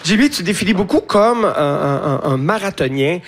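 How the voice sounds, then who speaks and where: A man's voice: sits high, lively intonation, moderate pace. A man with a Quebec French accent hosting a casual talk show interview, often repeating words as he searches for his phrasing.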